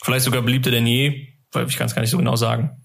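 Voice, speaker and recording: A podcast guest tells personal anecdotes in a casual interview, rambling colloquially and often sounding amused. His medium-pitched voice is level, creaky and a bit bright, delivered rapid-fire.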